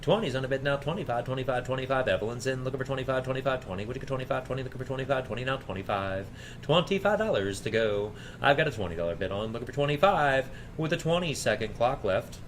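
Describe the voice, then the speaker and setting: A man's voice: mid-range voice, expressive, fast talker, a little hiss or hum. A man working as an auctioneer, running a repetitive chant of numbers with informal, chatty asides.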